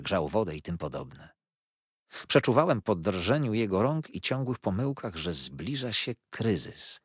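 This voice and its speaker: Deep, husky male audiobook narrator. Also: no echo, clean studio sound. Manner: expressive, measured storytelling. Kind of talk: scripted literary narration.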